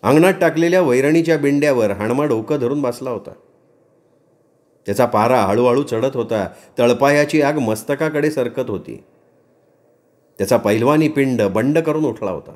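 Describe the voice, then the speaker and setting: A man's voice: medium pitch, normal speed, a little mellow. A man storyteller narrating a dramatic rural novel with vivid delivery. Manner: vivid narration with acted voices.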